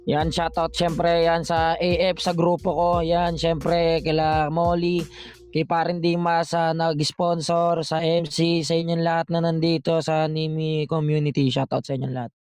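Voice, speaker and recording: A man chatting loosely and giving shoutouts while fixing his mic. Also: a little high, level tone, a little slow, clear, resonant tone. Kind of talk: casual chat over voice chat.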